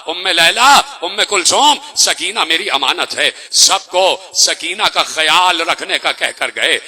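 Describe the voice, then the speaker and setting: A man preaching an impassioned mourning sermon, exhorting the crowd with rapid rhetorical questions. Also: high voice, bright, forceful tone, breathy edge.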